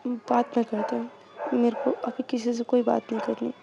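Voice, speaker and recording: A woman doing a quiet, hushed, withdrawn woman. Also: completely flat delivery, normal speed, creaky, lo-fi sound, noisy background. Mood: curt. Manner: soft, low and hushed.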